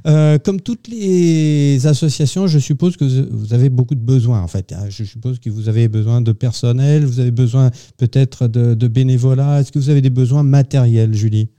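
A man's voice: medium pitch, fairly even intonation, normal speed, few pauses, dark tone. A man hosting a radio interview, joking and teasing his guests. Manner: jovial, teasing questions. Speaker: radio host. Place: radio studio.

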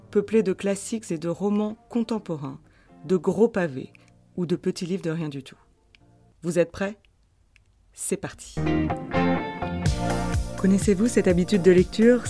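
Mellow-voiced French woman hosting a podcast. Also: mid-range voice. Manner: lively, playful storytelling with asides. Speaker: podcast host. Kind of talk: scripted literary podcast monologue.

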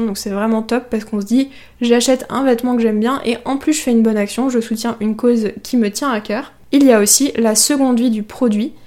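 A woman's voice: fairly high pitch, mellow. A woman hosting a podcast, giving advice in an upbeat, enthusiastic, conversational way. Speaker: podcast host.

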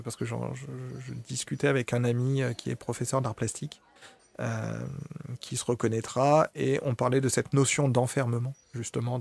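A man's voice: medium pitch, gravelly, a little mellow. A man giving an informal spoken talk on photography, hesitant, with many fillers, restarts and apologies. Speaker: photography presenter.

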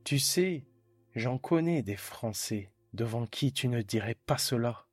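Furious proud young woman, played by a man, sharp raised outbursts, breathy voice. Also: mid-range voice, expressive, a little slow, no echo, faint music behind, voice pushed up. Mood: defiant.

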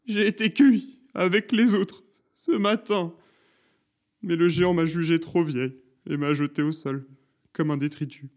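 A man's voice: animated, slow pace, a little mellow, heavily acted. A man voicing a frantic, wrinkled old female zucchini who pleads with the others to flee. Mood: grim recounting. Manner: shrill pleading warnings.

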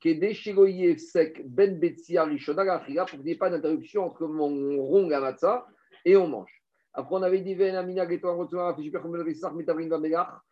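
Heard through dull lo-fi audio, a man whose voice sits on the high side teaches Torah at a moderate pace. His French is mixed with Hebrew terms, and he lively builds his explanation step by step, asking rhetorical questions and calling listeners "Rabotai."

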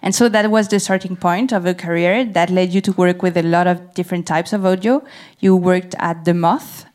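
A woman's voice: fairly low pitch, fairly even intonation, normal speed, darkish tone. A French woman speaking English with a French accent, conducting a prepared interview on stage and laughing easily. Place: event stage before an audience.

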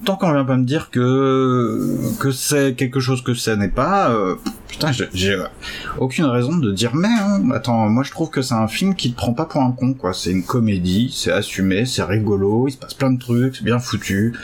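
A man hosting a casual chat who hesitates a lot and jumps up excitedly in pitch now and then. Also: moderate pace. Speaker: podcast host learning Chinese.

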